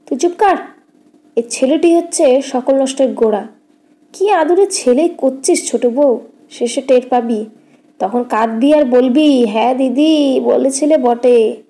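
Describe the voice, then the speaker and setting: A woman voicing a sharp-tongued middle-aged elder sister-in-law who scolds in a raised, scornful tone, read as an audiobook character. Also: sits high, normal speed, natural voice. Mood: scolding.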